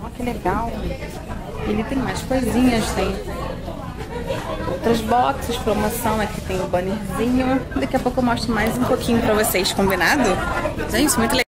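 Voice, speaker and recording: A slightly high-voiced woman films herself with a phone as she walks through a busy event. She talks to her viewers in a chatty, excited way and greets friends along the way. Loud crowd chatter fills the background. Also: normal speed. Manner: chatty, excited, greets people while filming. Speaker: author vlogging at a book event. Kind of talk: casual vlog walkthrough. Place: busy indoor event venue. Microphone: handheld phone camera. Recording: loud crowd noise around.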